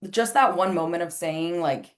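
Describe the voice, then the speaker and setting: A woman whose first language is Spanish, an astrologer and life coach, chats candidly as a guest in a casual podcast interview. Her fairly low voice moves at normal speed, full of "like" fillers, and she acts out the remarks she quotes.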